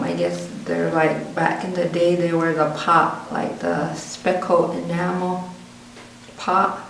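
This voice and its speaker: Low gravelly-voiced woman telling a story. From Pueblo community, New Mexico. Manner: lively storyteller who acts out family dialogue. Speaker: oral history interviewee. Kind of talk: storytelling in an interview. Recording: roomy, distant, faint background noise.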